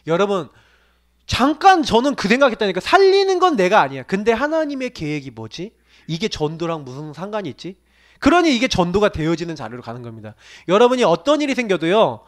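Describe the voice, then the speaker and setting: Guy preaching, high voice, all over the place, loud then quiet. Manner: animated preaching, sudden swings from loud to hushed; quotes scripture in raised declaiming voice. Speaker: pastor. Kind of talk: sermon.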